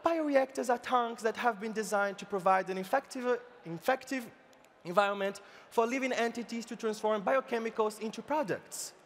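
A man voicing Lady Bai, a posh female bioreactor machine, speaking in a put-on British accent and explaining slowly and patiently. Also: high-pitched, a little hiss or hum. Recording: reverberant live event hall.

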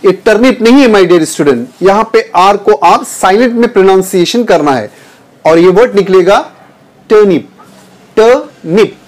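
A man teaching English pronunciation, drawing out and repeating each word slowly and calling his viewers dear students. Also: high-pitched, animated. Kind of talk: pronunciation lesson.

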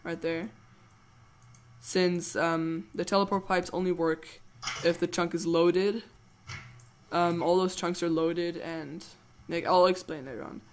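A man's voice: a little high, fairly even intonation, slow, a little hiss or hum. A teenage boy giving rambling, playful commentary while playing a game, with goofy jokes. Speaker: let's play host. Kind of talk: casual gameplay commentary.

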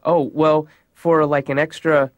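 A man's voice: fairly high pitch, little pitch movement, unhurried, dry recording, highs cut off. A man doing a comedy bit as a therapy patient, eager and rambling, stumbling over his words.

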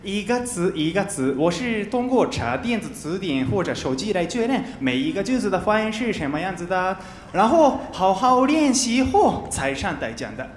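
A young man performs stand-up in a Japanese accent, his voice high and very animated. He phrases things carefully as a second-language speaker, sometimes stumbling and repeating himself. The sound is roomy, from a big stage. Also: moderate pace, a little hiss or hum. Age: 20s. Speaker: stand-up comedian. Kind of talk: stand-up comedy monologue. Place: large TV studio stage with live audience. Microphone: handheld microphone.

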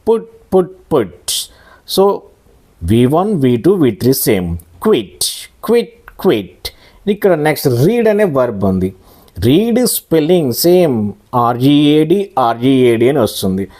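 A man with a Telugu accent teaching a spoken English lesson, explaining verb forms slowly and drilling words by repetition. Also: mid-range voice, darkish tone. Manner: slow, deliberate, drills words by repeating them.

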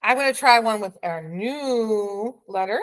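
A woman teaching a preschool phonics lesson, sounding out letters and words slowly and praising the child. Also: mid-range voice, lively intonation. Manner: slow, encouraging, sounds out letters.

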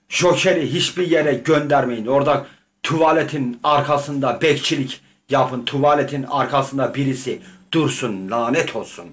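A man's voice: medium pitch, a bit bright. A man rambling through a comic, improvised account of his game, swearing often and acting out the lines of others. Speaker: gamer.

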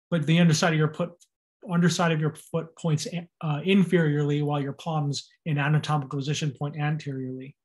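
With a fairly high-pitched voice, a man records a lecture on anatomy to accompany his slides. Each term gets spelled out and said again with its pronunciation stressed, all in an even, plain instructional manner.

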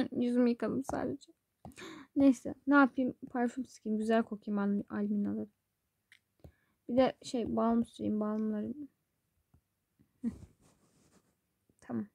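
A woman's voice: a little high, fairly even intonation, measured pace, creaky, long pauses, mellow, no echo. A woman narrating a toy role-play vlog in a sulky, mock-dramatic way.

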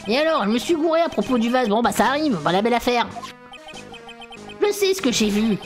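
A woman's voice: on the high side, sing-song, a little fast, faint music behind. A woman voicing a rude, grumbling old male craftsman in a video game playthrough. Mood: grumpy.

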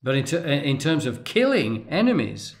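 A man lecturing at length off the cuff, speaking deliberately and pausing often, with restarts as he stresses key words. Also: fairly high pitch, sing-song. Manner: deliberate, halting, with restarts and emphatic pauses. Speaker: tarot and religion commentator. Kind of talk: unscripted lecture.

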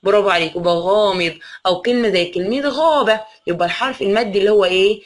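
A primary school teacher with an Egyptian Arabic accent and a mid-range voice teaches young children to read. She fires off question after question, answers them herself, and draws words out slowly.

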